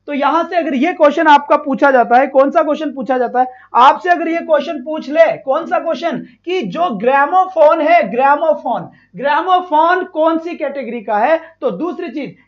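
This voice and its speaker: A man leads a live online exam-prep class in a high, light voice. He repeats every point, fires questions at his students and keeps praising them. The stream audio is dull and muffled. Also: animated, moderate pace. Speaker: teacher.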